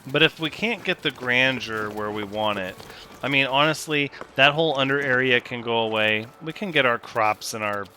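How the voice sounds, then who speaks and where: A man's voice: mid-range voice, normal speed, bright, forceful tone, slight background noise. A man giving casual gameplay commentary, thinking aloud, counting pieces and joking with himself as he builds.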